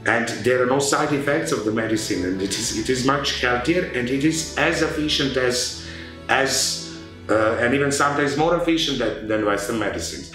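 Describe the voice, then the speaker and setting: A man's voice: medium pitch, moderate pace, fairly bright tone, soft background music. Middle-aged man, very echoey room. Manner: earnest, restarts mid-word. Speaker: interviewee endorsing a healer. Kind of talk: interview testimonial. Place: small clinic room indoors.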